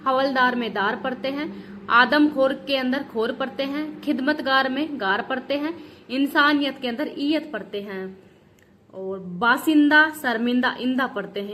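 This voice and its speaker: A woman's voice: fairly high pitch, a bit bright, slight background noise. A woman teacher running an exam revision lesson, steadily drilling word forms one after another and repeating each correct answer.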